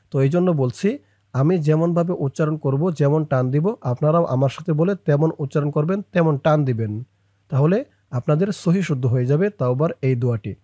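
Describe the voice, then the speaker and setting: A man's voice: fairly high pitch, dark tone, no echo, clean studio sound. A man teaching recitation in Bangladeshi Bengali, patiently spelling out syllables and drawing out each word for listeners to repeat. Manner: slow drawn-out chanting of words, quicker plain explanations.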